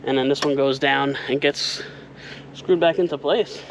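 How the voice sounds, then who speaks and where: A man's voice: medium pitch, steady tone, normal speed. A man hosting a casual, hands-on DIY vlog about RV life, talking to viewers outdoors with noise around him. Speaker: RV vlog host. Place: outdoors at an RV, partly on its roof. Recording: noisy outdoor recording with hum and traffic.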